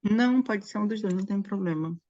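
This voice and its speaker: A man chatting casually with a colleague before an online conference session, friendly and quick to laugh, heard over a video call. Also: high-pitched, mellow, lo-fi sound. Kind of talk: casual online meeting chat.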